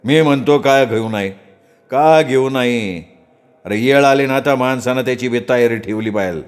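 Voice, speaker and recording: A man voicing a flashy, scheming young village rich man who speaks in a slow, coarse, coaxing drawl. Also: mid-range voice, soft background music, natural voice.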